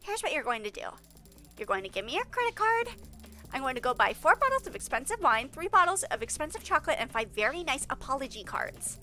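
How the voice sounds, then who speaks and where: A woman voicing a chipper young female office assistant who bosses her boss around with brisk plans. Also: high voice, big pitch swings, pushed and bright, exaggerated voice. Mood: bossy. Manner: bossy, brisk, fast-scheming.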